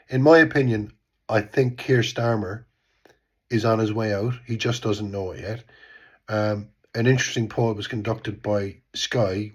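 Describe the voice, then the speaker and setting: A vlogger in his fifties from Ireland, speaking from his home in Bristol, rambles through casual political commentary with an Irish accent. He's congested from a cold, and his medium-pitched voice is slightly rough. He repeats words and often trails off with "type thing."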